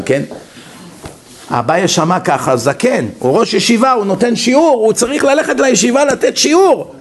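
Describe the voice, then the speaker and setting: A man preaching a sermon in an animated way, full of rhetorical questions. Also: on the high side.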